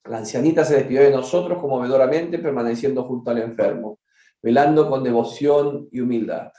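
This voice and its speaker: Man, study group leader, reads a book aloud then chats about it, mellow dark voice, echoey dull recording. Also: mid-range voice, a little fast. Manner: conversational, with frequent asides to listeners. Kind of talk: reading a book aloud with commentary.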